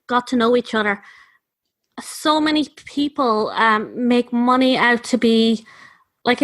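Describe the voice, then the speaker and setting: A woman's voice: a little high, a bit bright. A woman hosting a podcast, introducing her guest and asking chatty questions with plenty of fillers. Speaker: podcast host. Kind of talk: podcast interview.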